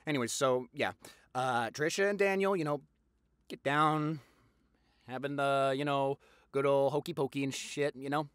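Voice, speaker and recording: In a conversational audio roleplay, a man plays a popular boyfriend eagerly passing gossip to his partner, using dramatic pauses and repeats for emphasis. His mid-range voice is a bit bright, and the studio-quality recording has no echo.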